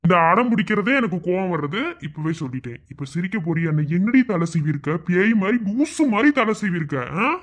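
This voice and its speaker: A woman's voice: lowish voice, animated, brisk, hardly any pauses. A woman voicing a short-tempered but doting young husband with a Madurai Tamil accent, coaxing and teasing in a cartoon. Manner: coaxing and teasing after scolding. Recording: dull lo-fi sound.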